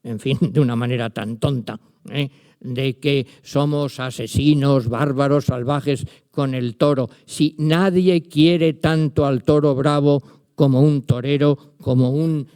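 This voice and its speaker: Taking it slowly, an older man speaks in a warm, clear, resonant voice of medium pitch with fairly even intonation. He is a literature professor from Spain with a Spanish accent, presenting a book in a lecture, addressing the audience directly and reciting verse with emphasis.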